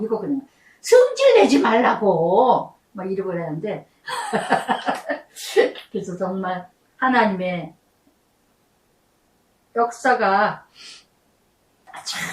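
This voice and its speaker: A woman's voice: mid-range voice, fairly bright tone. An older woman pastor giving an emotional, story-filled sermon, acting out the prayers she tells of. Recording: echoey room, voice from far off.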